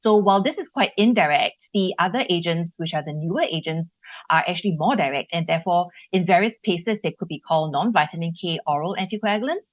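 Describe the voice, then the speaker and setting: A woman's voice: on the low side, quick pace, no echo. A woman giving an upbeat, explanatory webinar lecture over a video call. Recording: dull lo-fi webinar audio.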